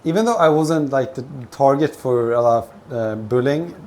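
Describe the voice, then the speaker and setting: Cooking at home, a multilingual man based in Sweden, whose native tongue isn't Swedish, tells rambling personal stories to his livestream audience in a halting, foul-mouthed, casual way. He speaks at a medium pitch with a somewhat dark tone, over clear sounds of frying and general kitchen noise.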